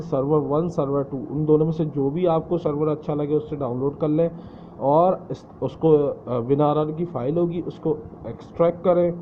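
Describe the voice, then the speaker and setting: A man's voice: fairly high pitch, phone-quality sound, slight background noise. A man teaching English in Urdu, often repeating words for emphasis and slipping in English phrases. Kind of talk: spoken lesson explaining English in Urdu.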